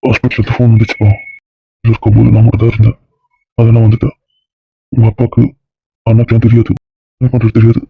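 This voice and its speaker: A man voicing a worried older relative who has rushed in and keeps asking questions. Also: medium pitch, level tone, gravelly, breathy edge, no room sound, narrow, tinny audio, voice pushed down. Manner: anxious, questioning. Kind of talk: amateur drama acting.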